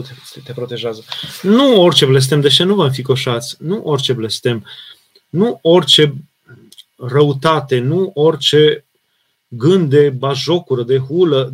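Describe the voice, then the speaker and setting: Earnest man answering questions as a priest. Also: a little high. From Romania. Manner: earnest, emphatic, with many restarts and fillers; reads out viewer questions and answers them plainly. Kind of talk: live question-and-answer sermon.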